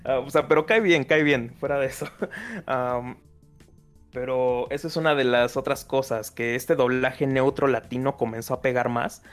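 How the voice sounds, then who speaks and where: A man's voice: mid-range voice, normal speed. A young man with a Mexican accent talks casually on a podcast, drifting between thoughts and laughing often. His voice sits in a plain middle range, and faint music plays underneath. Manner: chatty, rambling, laughs often, Mexican slang. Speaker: podcast host. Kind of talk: casual chat.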